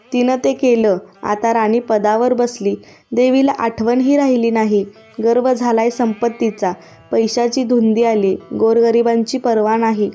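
Frail old beggar woman voiced by a woman, soft and coughing, higher voice, mellow tone, storybook telling. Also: lightly acted. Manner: soft-spoken, coughing now and then. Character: poor old woman begging, goddess in disguise.

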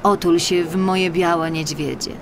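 Woman playing the Snow Queen, low-pitched, coaxing. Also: fairly even intonation, unhurried, background noise. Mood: coaxing, cool. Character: tall icy snow queen, commanding and coaxing.

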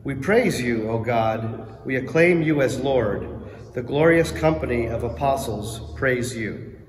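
A male lector reads scripture and leads the psalm in a steady, clear voice of middle pitch. His voice rings out in the long echo of a large church, with faint room ambience under it. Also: unhurried, a little hiss or hum. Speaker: lector at Mass. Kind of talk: liturgical reading and psalm.

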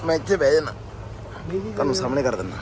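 A man's voice: mid-range voice, very animated, quick pace, crowd noise. A man with a Punjabi accent chatting casually as a vlog co-host, recorded on location. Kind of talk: casual chat. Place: on location in bazaar and shops. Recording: noisy street and market surroundings.

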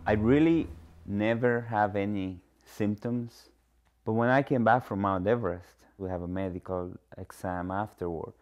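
A middle-aged Dominican man, a native Spanish speaker with a Dominican Spanish accent, tells his story as a cancer patient in a promotional documentary testimonial. His voice is fairly low and a little mellow, at a moderate pace, and the audio is dull.

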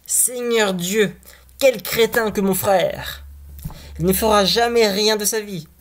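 A man's voice: high voice, slow pace, fairly bright tone, pitched above the performer's own voice. A man reading a fairy tale aloud, voicing a scornful elder brother who mocks his sibling.

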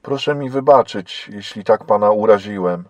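A man's voice: lowish voice, normal speed, no echo, highs cut off, natural voice. A man voicing a starving, meek male prisoner who speaks timidly and humbly, in a read-aloud story. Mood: timid, apologetic.

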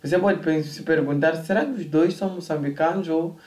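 A man's voice: on the high side, fairly quick, darkish tone, distant mic. A Mozambican-accented man hosting a casual reaction chat, talking and asking questions. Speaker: reaction video host. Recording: roomy, off-mic sound.

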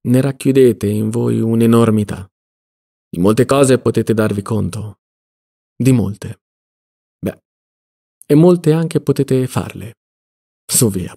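A man reading an audiobook, voicing a cynical, mocking middle-aged male libertine in a low, soft drawl. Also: creaky, heavily acted.

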